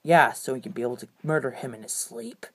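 A woman voicing a young dragon hero who has turned mean and vengeful, speaking low and grim in a home-made toy story. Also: fast talker, husky. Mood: menacing. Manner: low, grim, violent threats.

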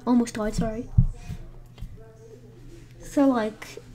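High, mellow-voiced young woman rambling. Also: steady tone, slow pace. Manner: rambling and profane, with many fillers. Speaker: vlogger telling a story. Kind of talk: casual storytime, at times whispered. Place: home room with someone asleep nearby.

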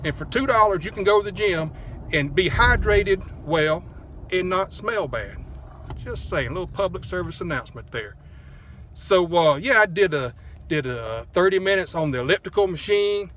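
A man's voice: high voice, expressive, normal speed, a bit bright, a little hiss or hum. A man, vlogging from a parked car in a rambling, joking, self-deprecating way on a phone held close. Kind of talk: casual car vlog.

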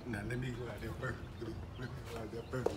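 A man's voice: mid-range voice, flat delivery, racing. A middle-aged man, a father joining his son's vlog, playful and a little bossy. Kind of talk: casual chat. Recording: noisy phone video.

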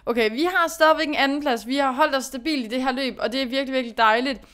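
A young woman with a high, smooth, clear voice narrates her own gameplay in a chatty, self-directed way. She pushes herself to focus, scolds her own mistakes and praises her own good moves. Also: fairly bright tone. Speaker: gaming youtuber. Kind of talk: casual gameplay commentary.

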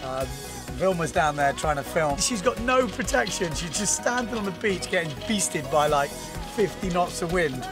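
A man in his thirties talks into an action camera on a beach, his voice high and excited. He swears and laughs as he tells it. Music plays beneath him. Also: normal speed. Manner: breathless, swearing, laughing, keyed up. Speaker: windsurfing vlogger, host. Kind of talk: excited casual vlog chat. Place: windy beach outdoors. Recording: music playing behind.

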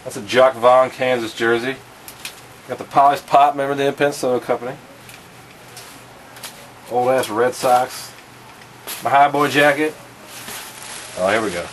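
A man's voice: medium pitch, a little slow, long pauses, a bit bright, a little hiss or hum, poor audio. A young man in his twenties casually showing off his collection in a cluttered basement, rattling off items with fillers, recorded on a handheld camera. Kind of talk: casual show-and-tell.

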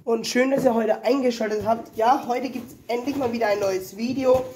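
Hoarse from a cold, a young farm vlogger who keeps small animals leads viewers around his small farmyard outdoors using a handheld phone camera, rambling, self-correcting and talking right to them. He has a very high-pitched, slightly mellow voice with fairly even intonation and a moderate pace, with a little hiss or hum in the recording.

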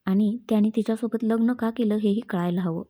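A woman reading the lines of a calm, self-assured young husband in a storybook, steady and reassuring. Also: mid-range voice, fairly quick, natural voice.

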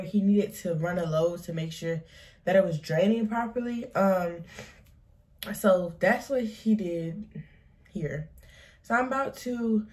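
This is a 19-year-old Michigan woman vlogging indoors at home, talking to her viewers as y'all in a chatty, casual way. She sounds out of breath, with a mid-range voice and a dark tone.

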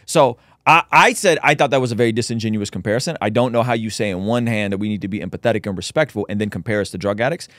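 A man's voice: on the low side, rapid-fire, hardly any pauses, fairly bright tone, no room sound, clean studio sound. A man hosting a podcast, making a casual, argumentative rebuttal with frequent restarts. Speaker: podcast host.

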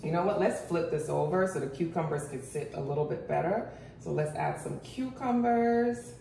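A woman's voice: low-pitched, moderate pace, gravelly, dark tone. Woman, casual vlog chat, friendly talk to viewers, noisy background. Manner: chatty, addresses viewers as guys. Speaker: cooking and gardening vlogger. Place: outdoor high-rise patio, then home kitchen. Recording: echoey, mic at a distance, noisy.

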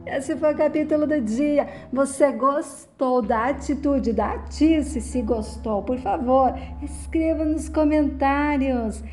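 Woman, soap opera recap, high voice, mellow tone. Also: slight background noise. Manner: quick, matter-of-fact retelling. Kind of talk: episode recap narration.

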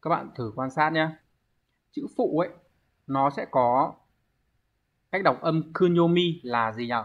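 A man's voice: a little high, unhurried, highs cut off. A man teaching an online exam review lesson, explaining word readings and checking in with the class through rhetorical questions. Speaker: Japanese teacher.

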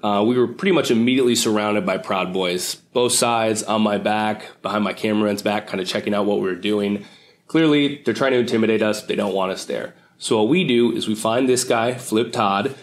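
A young man with a lowish voice, talking to the camera from a couch in a loose, wry way. Plain indoor talk without any fuss. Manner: casual, wry. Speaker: host. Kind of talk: to-camera commentary.

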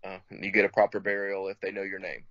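A man's voice: low voice, completely flat delivery, fast talker, a bit bright, no echo, dull audio. A man from Alabama, chatting casually as a podcast co-host, easygoing and agreeable, often restarting his sentences. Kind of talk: casual chat.

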